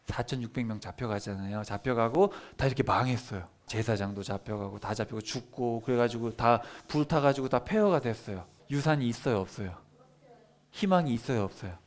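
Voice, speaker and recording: A man's voice: mid-range voice, fairly quick. A male pastor giving a children's Bible sermon at a family service. He asks the congregation questions and acts out laments in quoted speech.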